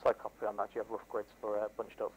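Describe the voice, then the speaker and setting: A man giving brisk taskings over a crackly military radio in a game, as a commander. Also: fairly low pitch, monotone. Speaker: military sim ground commander. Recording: radio voice with faint noise.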